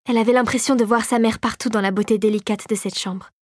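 A woman narrates a storybook in a calm, measured way. Her voice sits slightly high, and the recording is dry and close, with no room echo.

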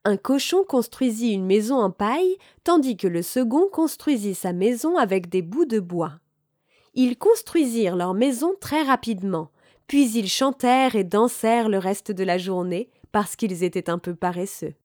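A woman reading a children's fairy tale aloud in a calm, clear, measured way. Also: medium pitch, no echo, studio quality. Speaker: storyteller.

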